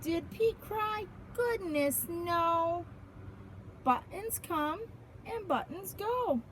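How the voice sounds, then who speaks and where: A woman reading a picture book aloud to small children in an expressive, sing-song teacher's manner, pausing to ask simple counting questions. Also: extremely high pitch, a little hiss or hum.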